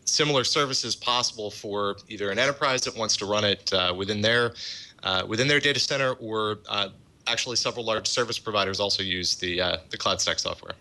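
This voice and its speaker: Bright-voiced man explaining tech. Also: on the low side, fairly quick, low-quality recording. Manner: explanatory, filler-heavy. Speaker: guest, open-source project developer. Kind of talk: casual interview explanation. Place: office in a large city.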